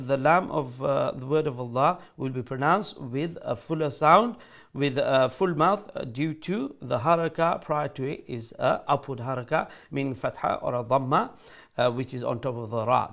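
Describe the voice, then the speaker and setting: A man teaching Quran recitation, modelling each word slowly and switching into English to explain. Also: medium pitch, gravelly, fairly bright tone. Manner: slow, deliberate, repeats words to model pronunciation, mixes English into explanations. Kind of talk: tajweed lesson, letter-by-letter.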